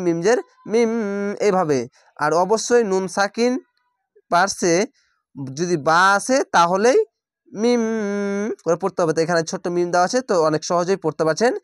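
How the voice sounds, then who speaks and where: A man teaching Quran reading, spelling out each word and drawing it out slowly, then explaining the rules at a quicker clip in Bangladeshi Bengali. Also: high voice, no echo, studio quality. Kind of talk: spelled-out Quran recitation lesson.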